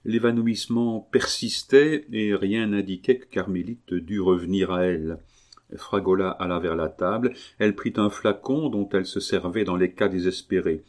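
A man narrating a classic novel aloud in a steady, expressive reading. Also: sits low, normal speed. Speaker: audiobook narrator. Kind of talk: literary audiobook narration.

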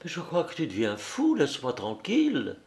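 Man doing a wife voice, way higher and soft, hesitant murmurs, storybook. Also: wildly swooping pitch, slow, full character voice. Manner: soft, breathy, hesitant answers. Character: giggling wife hiding under the sheets.

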